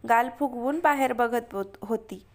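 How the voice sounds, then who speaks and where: A woman narrating a family story in a steady, plain reading. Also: on the high side, a little slow.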